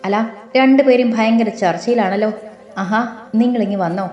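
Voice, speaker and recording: A woman voicing an affectionate middle-aged mother who worries and gently scolds. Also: on the high side, moderate pace, lo-fi sound, lightly acted. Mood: fond. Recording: roomy with faint music.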